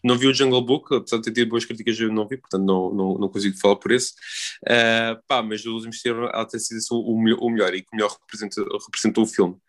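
A podcast host with a European Portuguese accent chats casually and informally, often circling back over his own phrases. His voice is on the low side and steady in tone, and he talks rapid-fire.

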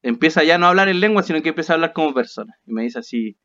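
Talking very fast in a fairly high voice, a young adult man with a Chilean accent co-hosts a podcast. He shares a personal story with lots of animation and laughter, acting out what people said, over slightly dull lo-fi audio.

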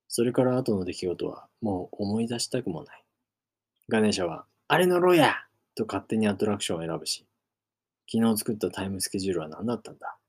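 A man reading a novel aloud as narrator, in measured storytelling. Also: lowish voice, darkish tone, slightly rough. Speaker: reader.

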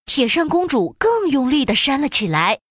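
A woman narrating a children's storybook in an expressive, sing-song storytelling way. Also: high-pitched, normal speed, no echo, clean studio sound.

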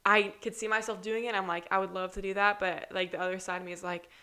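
A woman's voice: medium pitch, level tone, fast talker, pushed and bright. A woman speaking as a guest on a podcast in casual chat, hesitant with many fillers.

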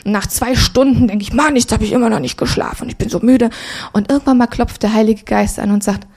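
Woman telling a lively sermon story. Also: a little high, fast. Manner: lively storytelling, acting out quoted voices. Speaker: preacher. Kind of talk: personal testimony in a sermon. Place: church stage.

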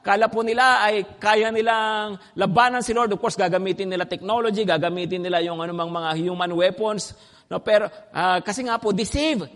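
A middle-aged man preaches with animated storytelling, tossing in constant little checks to his listeners. His voice sits notably high for a man. The sound carries a long hall reverb. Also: a little fast. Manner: animated storytelling, frequent "no?" and "di ba?" asides. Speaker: pastor. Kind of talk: sermon.

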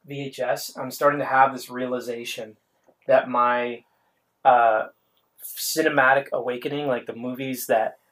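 A man's voice: mid-range voice, steady tone, unhurried, fairly bright tone. A man co-hosting a podcast in casual chat, rambling and cutting himself off as he jokes. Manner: rambling, self-interrupting, joking. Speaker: podcast co-host.

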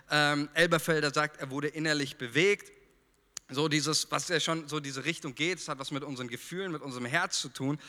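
A man from Franconia with a Franconian German accent preaching a lively sermon, talking straight to his congregation with fillers and humor. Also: on the high side, long reverb tail.

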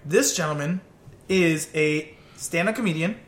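A man's voice: a little high, echoey room, a loud crowd. Laid-back man reading trivia clues. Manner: laid-back, swears casually, reads clues haltingly with fillers. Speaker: podcast host running a sports trivia quiz. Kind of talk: casual chat.

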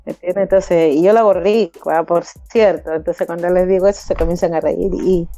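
A woman around fifty speaks with fiery conviction as an interview guest. Her voice is mellow and warm. It is recorded dry and close, with faint music underneath. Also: fairly low pitch, steady tone, brisk, dry recording. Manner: passionate, acts out others' voices with laughter. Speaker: migrant community organizer, guest. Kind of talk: animated interview talk.

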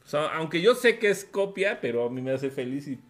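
A man with a Mexican Spanish accent co-hosting a casual gaming podcast, joking and slangy with quick agreeing interjections. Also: a little high, big pitch swings. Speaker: podcast co-host. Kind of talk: casual chat.

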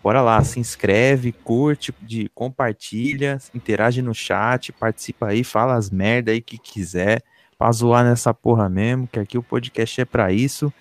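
Brazilian dude co-hosting a stream, sweary slang, medium voice, really dry close sound. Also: male voice, medium pitch, steady tone, unhurried, dry recording. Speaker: podcast live stream co-host. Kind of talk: informal live-stream banter.

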